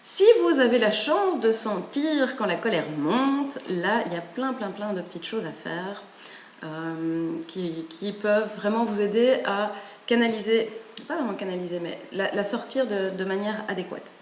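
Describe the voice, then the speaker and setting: A woman giving parenting advice in a casual, animated way, acting out a children's story as she talks. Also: medium pitch, moderate pace, slight background noise. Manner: animated, acts out stories. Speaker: parenting educator. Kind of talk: casual spoken advice video. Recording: echoey room.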